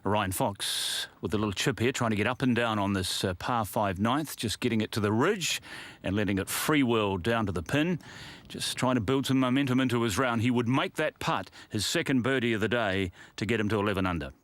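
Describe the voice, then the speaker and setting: A man's voice: lowish voice, fairly quick, a bit bright. A man anchoring golf tournament commentary, describing play in a presenterly, conversational way.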